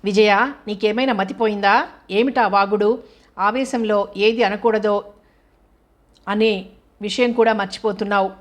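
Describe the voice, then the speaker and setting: A woman's voice: mid-range voice, steady tone, moderate pace, long pauses, muffled recording, close to an everyday voice. A woman voicing a short-tempered wealthy businessman who scolds and defends himself curtly. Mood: irritated, scolding.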